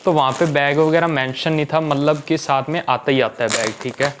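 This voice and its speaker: A man's voice: fairly high pitch, fairly even intonation, fairly quick, background noise. A young man chatting casually in a home unboxing vlog, often checking in with "okay" as he goes. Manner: chatty, keeps saying "theek hai". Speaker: vlogger.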